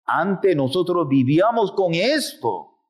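A male preacher delivers a sermon at a very unhurried pace, his voice leaping up and plunging down. He dramatizes his points by slipping into the voices of the people he describes, and he sits a little higher than most men. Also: very animated, husky. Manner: dramatic, acts out quoted voices.

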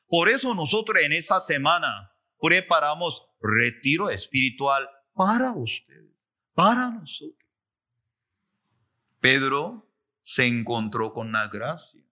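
A male pastor preaching a sermon slowly and emphatically, repeating phrases, calling for responses and acting out quoted voices. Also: very animated, sharp tone. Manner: slow, emphatic preaching with repetition and call-and-response; acts out quoted voices with big pitch jumps.

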